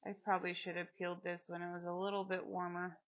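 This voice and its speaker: A woman with a fairly low voice speaks in a monotone at a quick pace while hosting a casual cooking tutorial at home, chattily instructing a helper step by step. The audio is dull, with dishes, cutlery and utensils clattering in the kitchen.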